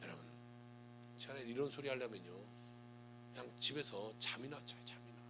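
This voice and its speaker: A man preaching a Sunday sermon as pastor, lively and theatrical, acting out what gossiping churchgoers say. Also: mid-range voice, fairly quick, gravelly, noisy background. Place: church sanctuary.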